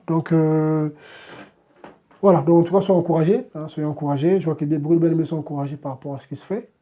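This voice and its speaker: A man with a fairly high voice preaches live on a stream, answering chat questions in a direct, exhorting, repetitive manner and repeatedly saying "voilà." The sound is phone-quality.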